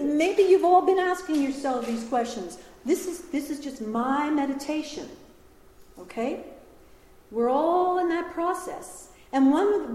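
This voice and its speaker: A woman gives a retreat talk in a large, echoing hall, her voice swinging high and low as she tells stories with humor. Her pitch sits a little high, and the long reverb of the room trails behind every phrase. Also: slight background noise. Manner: lively storytelling with humor and laughs. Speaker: retreat speaker.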